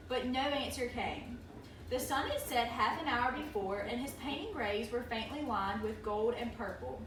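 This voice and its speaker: A woman's voice: a little high, a bit bright. A woman narrating a story as a dramatic reading. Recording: roomy, distant mic, faint noise.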